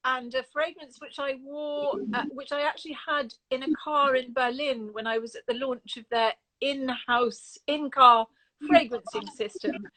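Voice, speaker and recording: A woman hosting a casual interview, asking questions in a measured, inquisitive way. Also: fairly high pitch, bright, forceful tone, no echo, rough recording. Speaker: interview host, editor.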